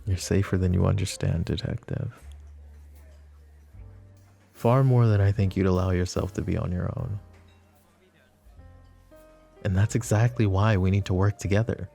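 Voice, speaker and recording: This smooth-talking mafia boss, voiced by a man for an intimate ASMR roleplay, is possessive, flirtatious and protective, his teasing edged with controlled menace. His low, very mellow voice carries a heavy gravelly fry; he keeps a steady tone at a moderate pace and pauses often over soft background music.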